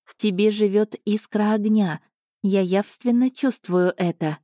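An ancient female spirit of an island pleads in a slow, solemn audiobook voice, put on by a woman narrator. The tone is mellow and dark, recorded close and dry. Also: medium pitch, dry recording, close to an everyday voice. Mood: solemn pleading. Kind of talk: audiobook reading.

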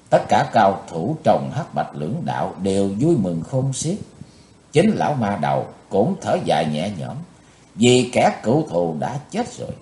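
A man's voice: lowish voice, dark tone. Man narrating a dramatic martial-arts tale. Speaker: audiobook narrator. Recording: roomy echo.

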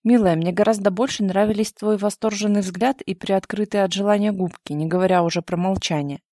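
A smug, domineering man, cool and mocking with a threat underneath, as a woman narrator reads him. His lines are delivered at a middling pitch, close and dry with no room sound. The reading keeps an audiobook feel throughout. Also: fairly even intonation, brisk, warm tone, dry recording, close to an everyday voice.

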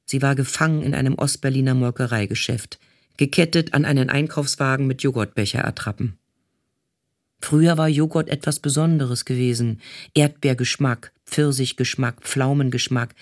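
A man reading a novel aloud in calm, even scripted narration. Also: medium pitch, normal speed, no room sound, studio quality. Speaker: audiobook reader.

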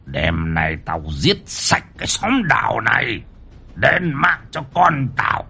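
A man voicing a vengeful old sorcerer who speaks with slow, hissing menace. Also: mid-range voice, sing-song, creaky, sharp tone, husky, full character voice. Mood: menacing.

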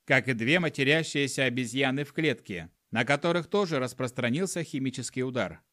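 A man's voice: medium pitch, a little fast, pushed and bright, no room sound, clean studio sound. A man narrating a humorous first-person audiobook in a wry storytelling manner. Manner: wry storytelling with acted dialogue.

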